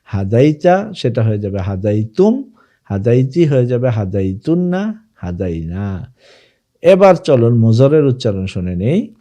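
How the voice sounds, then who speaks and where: A man teaching an Arabic grammar lesson, slowly reciting verb forms one by one and telling the students to pay close attention. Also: mid-range voice, very animated, dark tone. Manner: addresses students directly, asking them to pay close attention.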